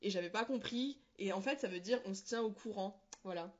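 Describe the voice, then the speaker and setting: A woman's voice: medium pitch, brisk, muffled recording. A woman from New Caledonia answers interview questions casually, searching for words and correcting herself. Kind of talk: casual interview answers about personal experience.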